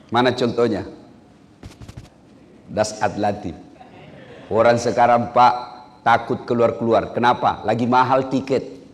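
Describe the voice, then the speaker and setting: In an echoey hall before an audience of civil servants, a man with a mid-range voice preaches a humorous sermon. He is lively and joking, acting out stories with shouted voices.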